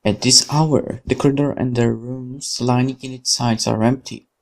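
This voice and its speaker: This let's play host, a native Polish speaker, narrates a horror visual novel with energetic side comments and frequent self-corrections. His gravelly mid-range voice keeps a normal pace.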